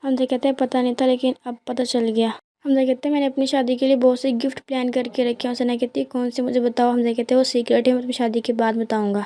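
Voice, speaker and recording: A woman's voice: a little high, level tone, hardly any pauses, dark tone. A woman narrating a recap of a television drama episode, steadily retelling each scene and quoting the characters' lines.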